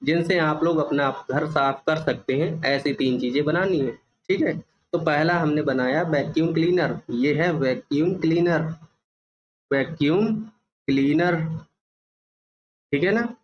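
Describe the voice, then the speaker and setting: This male teacher, whose voice sits somewhat high for a man, takes kids through an English workbook, patiently spelling and repeating each word at a slow pace. A faint hiss lies under the muffled audio.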